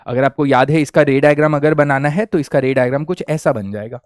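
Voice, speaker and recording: A young man teaching physics in a lively classroom lecture, often checking in with his students with quick questions. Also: medium pitch, no room sound, studio quality. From India. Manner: energetic, addresses students as kids, asks frequent check questions. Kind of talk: Hindi-English classroom lecture.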